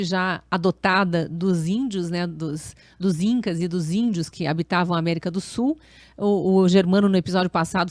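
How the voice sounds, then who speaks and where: A woman's voice: mid-range voice, no echo. A woman journalist from in Brazil, co-hosting a casual history chat show and recapping earlier episodes in a chatty way with many fillers. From Curitiba, Brazil. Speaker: journalist and co-host.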